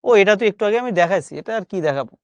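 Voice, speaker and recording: Speaking quickly with lively intonation, a high-voiced man drills spelling in a live online lesson, repeating every word and coaxing his students along. He has a Bangladeshi Bengali accent and drops in casual, chatty asides. The recording has no echo.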